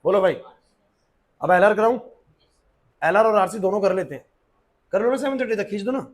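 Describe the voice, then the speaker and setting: Brief: male physics tutor, high voice, drills the class with rapid-fire questions and answers, technical terms in English. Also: expressive. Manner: drills students with quick questions and answers them himself; mixes English technical terms into his talk. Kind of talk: classroom lecture. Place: classroom with students.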